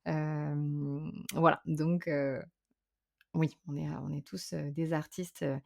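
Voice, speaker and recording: A woman vocal coach and singer, speaking as a podcast guest in a thoughtful, explanatory way, often pausing on fillers. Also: sits low, level tone, creaky. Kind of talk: conversational interview.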